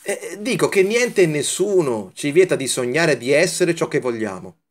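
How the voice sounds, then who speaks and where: Guy doing a chill little candy in a kids storybook, soft reassuring talk, a bit high voice. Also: sing-song, moderate pace. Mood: gentle. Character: calm, frank, dreamy little male candy. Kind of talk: children's storybook reading.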